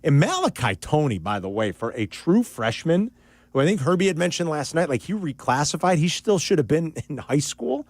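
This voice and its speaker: A man hosting sports talk radio, excitable and animated as he breaks down a game. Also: a little high, moderate pace, no echo.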